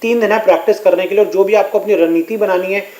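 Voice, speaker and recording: A man's voice: high-pitched, fairly even intonation, fast, mellow. Male sports reporter in an echoey room. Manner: detailed, explanatory reporting. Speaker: sports correspondent. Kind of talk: news discussion reporting.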